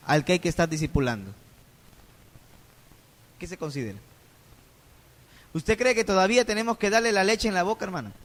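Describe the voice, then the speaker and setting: A Peruvian man preaches from the pulpit, his voice pitched high for a man. He keeps pressing the congregation with questions. The sound rings out with a long reverb through the church hall. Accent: Peruvian Spanish. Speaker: pastor. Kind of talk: sermon. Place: church sanctuary.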